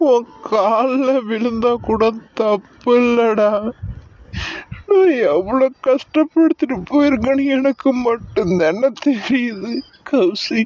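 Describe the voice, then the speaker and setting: A man's voice: extremely high pitch, takes it slowly, a little mellow, muffled recording. A man voicing a remorseful young police husband who searches frantically for his wife and begs her forgiveness in a cartoon drama. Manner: pleading, apologetic. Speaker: husband character.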